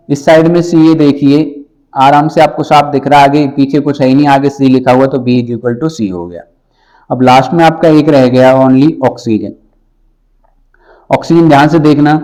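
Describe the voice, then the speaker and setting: A male teacher walking students through balancing chemical equations, calling them "brother" and checking often if it is clear. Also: fairly high pitch, mellow. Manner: repeats checks like "ठीक है" and "clear है"; addresses students as "भाई". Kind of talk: chalkboard science lesson. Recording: dull lo-fi sound.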